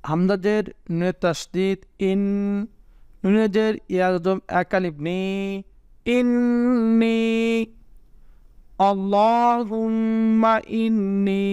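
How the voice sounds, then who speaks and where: Male religious teacher with a Bangladeshi Bengali accent, high voice, slow patient delivery, clear and dry. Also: no room sound, muffled recording. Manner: slow, patient spelling of Arabic letters, drawn-out chanted recitation. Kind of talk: teaching a prayer by spelling it out.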